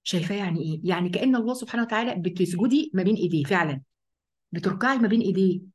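A woman with an Egyptian accent leads a Quran study lesson at a brisk clip. She keeps her listeners engaged by posing questions and answering them herself, addressing her female audience directly. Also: mid-range voice, breathy edge. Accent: Egyptian Arabic. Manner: lively, asks and answers her own questions. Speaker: religious teacher.

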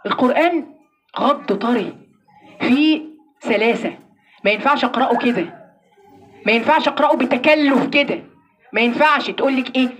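Egyptian woman, recitation teacher, high voice, quick classroom delivery, asks and answers herself. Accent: Egyptian Arabic. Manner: explains with questions she answers herself; demonstrates recitation slowly. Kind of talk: classroom lesson.

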